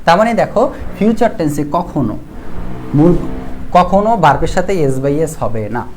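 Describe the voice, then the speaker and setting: A man's voice: fairly high pitch, lively intonation, normal speed, a little hiss or hum. A man with a Bangladeshi Bengali accent, teaching English grammar in a live online class. He asks the class questions, answers them himself, reads out viewer comments and repeats key rules.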